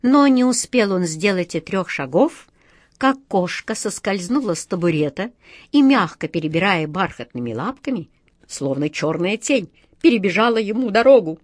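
A woman narrating a children's storybook with expressive, lively delivery. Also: mid-range voice, moderate pace, no room sound, clean studio sound. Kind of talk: storybook reading.

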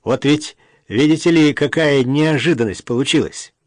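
A man puts on a sarcastic, hot-tempered grown son who presses his case hard for an audiobook. He speaks loudly, with a raised, heated pitch. The recording is dry and close. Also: normal speed, dry recording, natural voice. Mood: indignant. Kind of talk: audiobook character reading.

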